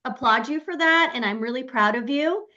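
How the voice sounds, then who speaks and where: A woman's voice: high-pitched, moderate pace, sharp tone. Encouraging woman host, slightly dull recording. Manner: encouraging, affirming back-channels. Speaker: podcast host. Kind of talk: casual interview.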